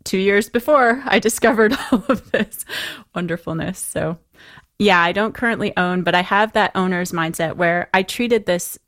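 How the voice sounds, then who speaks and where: A woman's voice: fairly low pitch, a bit bright, dry recording, clean studio sound. A woman chatting candidly as a podcast guest, laughing often. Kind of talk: casual podcast chat.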